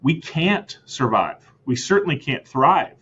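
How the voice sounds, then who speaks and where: Earnest American superintendent, slightly muffled. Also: male voice, on the high side, big pitch swings, a little slow, pushed and bright, slightly rough. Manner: earnest, repeats words, tags lines with "right?". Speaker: school district superintendent. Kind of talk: podcast interview answers.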